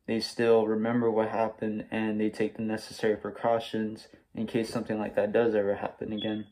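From a small room indoors at home, a young American man reviews a film without spoilers, speaking through a face mask with lots of slang and excitement. His voice sits lowish and a little mellow. The recording is rough, with slight background noise.

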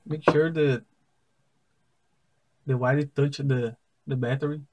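A young man with a Brazilian Portuguese accent, a native Portuguese speaker, explains a simple circuit step by step in careful, halting English at a wooden table indoors. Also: mid-range voice, steady tone, a little mellow, low-quality recording. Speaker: science fair project demonstrator.

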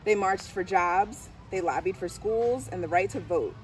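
Sitting outside on a garden bench under trees, the school's middle-aged diversity director reads a picture book in a storytelling manner. She speaks a little slowly, her pitch fairly low. The camera is a few steps back, and outdoor sounds fill the background.

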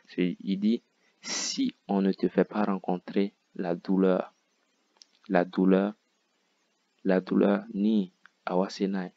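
Man, deep gravelly voice, flat slow delivery, repeats words, dull dry recording. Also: no room sound. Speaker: Japanese teacher. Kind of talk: explaining game dialogue line by line.

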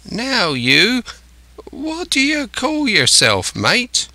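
A man's voice: very high voice, huge pitch swings, extremely slow, pushed and bright, no echo, pitched above the performer's own voice, exaggerated voice. A man voicing a marooned, half-crazed old seafarer in a storybook, sly and childish, with rambling, wheedling rustic sailor speech. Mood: startled, sly, pleased.

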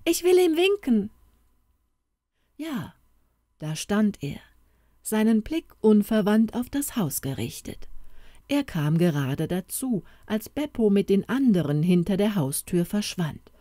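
A woman narrating a storybook audiobook in a soft, expressive, unhurried manner, recorded close to the mic. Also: medium pitch, no room sound.

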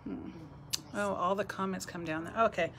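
A woman's voice: on the low side, fairly even intonation, moderate pace, a bit bright, slight background noise. Chatty woman hosting a live stream. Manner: chatty, laughs often, greets viewers by name. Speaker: bead store owner hosting a live stream. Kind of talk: casual live-stream chat.

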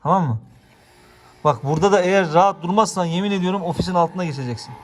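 A man vlogging outdoors on a farm. He chats casually to viewers and shouts sharp calls and scoldings to his dogs. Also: high voice, quick pace, a little hiss or hum. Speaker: vlogger and dog owner.

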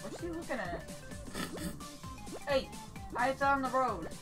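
Hoarse young woman teasing her gaming partner. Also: sits high, sing-song, slow pace, music in the background. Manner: teasing, laughing, loud outbursts. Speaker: co-host gamer. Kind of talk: casual gaming banter.

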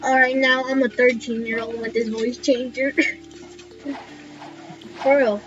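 A gamer talking casually through a voice changer that pitches the voice up. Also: level tone, slow pace, fairly bright tone, highs cut off, faint music behind. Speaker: gamer streaming Roblox. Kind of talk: casual gaming chat.

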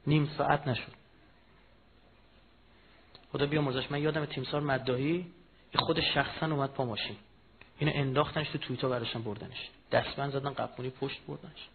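A man giving a mourning sermon, telling a personal story, moving from low murmured storytelling to loud impassioned rising cries. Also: fairly even intonation, vocal fry, pauses often. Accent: Persian of Iran. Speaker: religious speaker. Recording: tinny phone-like recording with faint noise.

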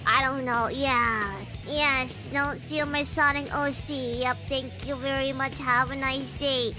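Very high-pitched woman doing a goofy game redub. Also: steady tone, slow pace. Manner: goofy, theatrical, repeats and mimics game lines. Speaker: livestreamer playing a video game. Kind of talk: silly mismatched redub and gameplay banter. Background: video game music.

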